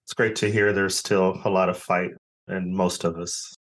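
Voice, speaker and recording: A man's voice: sits low, level tone, normal speed. An American man with an American accent, conducting a casual, conversational interview. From United States.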